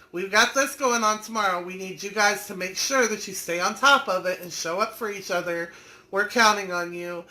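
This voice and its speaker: Audio quality is poor as a woman in her forties, host of an online business community, chats on a live stream in a mid-range, sharp-toned voice. She reads viewers' comments and teases them by name in a folksy manner.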